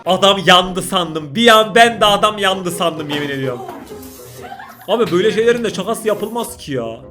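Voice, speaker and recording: A young man with a Turkish accent, reacting to prank videos in casual commentary, exclaiming, laughing and shouting. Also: high voice, lively intonation, normal speed, soft background music.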